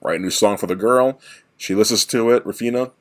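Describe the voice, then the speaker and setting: A man with a deep voice recaps a movie on a podcast in a loose, rambling way. He drops into quick, playful impressions of the characters as he goes. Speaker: podcast co-host.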